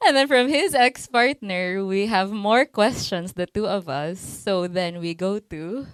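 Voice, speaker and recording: A woman's voice: medium pitch, unhurried, smooth, dry recording. A Filipina woman in her twenties with a Filipino accent, hosting a casual podcast chat, laughing often and switching languages mid-sentence. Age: 20s. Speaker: podcast host.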